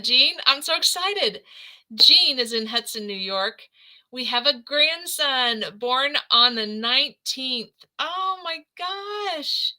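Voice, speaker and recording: A woman's voice: medium pitch, sharp tone, poor audio. A middle-aged woman hosting a live scrapbooking stream, demonstrating crafts in a chatty, effusive way and greeting viewers by name. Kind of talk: casual livestream craft demo.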